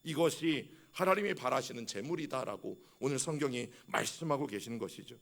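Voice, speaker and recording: A middle-aged senior pastor from South Korea preaches with passion in a brisk, creaky, medium-pitched voice that's a bit bright. He repeatedly calls out directly to his congregation and acts out heartfelt prayers aloud.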